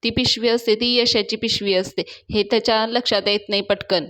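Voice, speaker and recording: Woman with a highish voice chatting through a tv episode recap, talking right to viewers. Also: steady tone, normal speed, a bit bright. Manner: chatty storytelling, addresses viewers directly. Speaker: TV serial reviewer. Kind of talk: retelling a TV episode.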